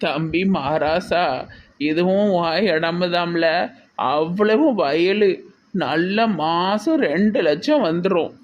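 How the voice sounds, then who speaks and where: A man doing a slow, doting village uncle. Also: high voice, dull audio. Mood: coaxing. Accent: Tirunelveli Tamil. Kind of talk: village comedy skit.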